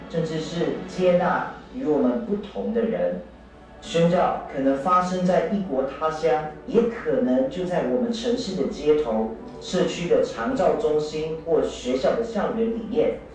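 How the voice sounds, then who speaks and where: Higher-voiced Taiwanese Mandarin man, very echoey. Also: darkish tone. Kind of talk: formal scripted narration. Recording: distant echoey playback with music.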